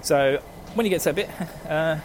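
A man's voice: fairly high pitch, normal speed. A man with an Essex, Estuary English accent and slightly slurred, lazy diction, chatting casually and jokily to listeners as a gaming show host, with plenty of swearing. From Essex, England. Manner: sweary, jokey, informal. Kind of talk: casual chat, rambling to listeners. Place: outdoors, walking, urban surroundings. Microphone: handheld phone. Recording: noisy outdoor phone recording with traffic.

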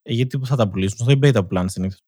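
A man's voice: mid-range voice, warm tone, slightly rough, dry recording. A young man co-hosting a casual podcast, teasing his partner with dry jokes. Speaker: podcast co-host. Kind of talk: casual chat.

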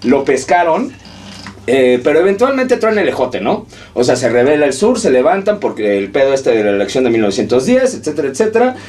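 A man with a Mexican Spanish accent telling history in a casual, profane, animated podcast chat, a bit far from the mic with faint room noise. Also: medium pitch, fairly quick. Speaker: podcast host.

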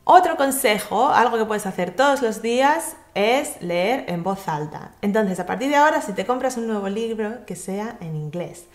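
A woman gives casual pronunciation advice, speaking lively and directly to the viewer. Her voice sits at a middling pitch. The room adds a noticeable echo. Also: normal speed, hardly any pauses. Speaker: English pronunciation teacher and YouTube host. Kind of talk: casual tutorial talk to camera.

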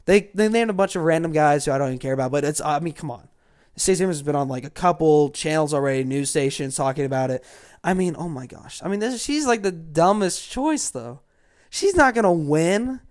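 Expressive and a little fast, a slightly high male voice from Georgia mocks politics in a casual, sarcastic rant. The political commentator mutters under his breath, then bursts out loudly.

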